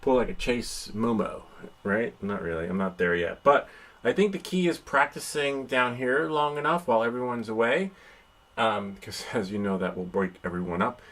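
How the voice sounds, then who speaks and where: At normal speed and a medium pitch with a fairly bright tone, a man rambles through live commentary for his hobby how-to vlog. He's indoors in a house, where background noise never lets up. Playful and joking, he mutters to himself and teases himself along the way.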